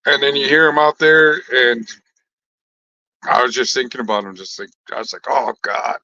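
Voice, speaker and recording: A man's voice: medium pitch, moderate pace, bright, forceful tone, dry recording, muffled recording. A man chatting casually on a live stream, answering viewers in a laid-back, slangy way, swearing freely and laughing often as he tells stories.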